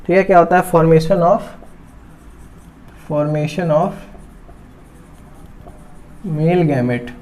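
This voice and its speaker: A man's voice: on the high side, a little mellow. A man teaching biology while drawing a diagram, repeating each term and checking in constantly with his students. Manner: repeats terms, checks in with "theek hai" constantly.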